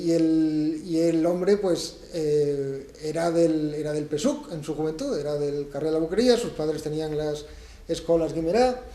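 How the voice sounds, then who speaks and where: A man from Spain speaks at a book presentation with a fairly high but mellow voice, working through his ideas aloud and asking the audience rhetorical questions. The hall around him adds a roomy echo. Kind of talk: public talk to an audience. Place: event hall.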